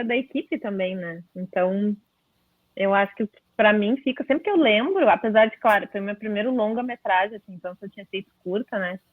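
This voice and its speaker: A woman with a Brazilian accent and a medium-pitched voice chats reflectively as an interviewed film director. The sound is narrow and very dry, like a call. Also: dry recording. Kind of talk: casual, reflective interview chat. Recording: dull, dry call audio.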